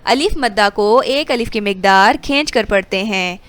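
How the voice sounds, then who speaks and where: A woman teaching Quran recitation rules, explaining quickly and then reciting verses slowly and drawn out. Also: mid-range voice, fairly bright tone, clear, resonant tone, no echo. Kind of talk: tajweed lesson with recitation.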